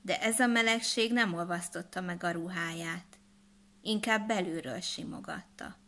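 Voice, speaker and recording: A woman narrating a children's storybook in a calm, even storytelling manner. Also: fairly low pitch.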